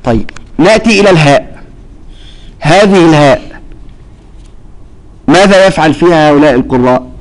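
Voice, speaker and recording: A man's voice: a little high, animated, normal speed, long pauses, low-quality recording. Questioning male Quran teacher. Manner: explains step by step, checks understanding with questions. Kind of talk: classroom lesson.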